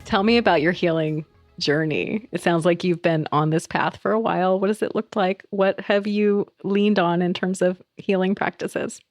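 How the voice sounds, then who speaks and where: Earnest low-voiced woman podcast host. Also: fairly even intonation, normal speed, no room sound, soft background music. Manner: earnest, emphatic and affirming. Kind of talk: casual interview chat.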